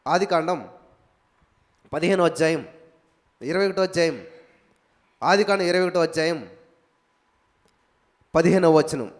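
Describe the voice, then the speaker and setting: A man's voice: a little high, a little slow, pauses often. A man pastor preaching at a live evening prayer, emphatic, firing rhetorical questions and calling out hallelujahs. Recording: echoey hall reverb.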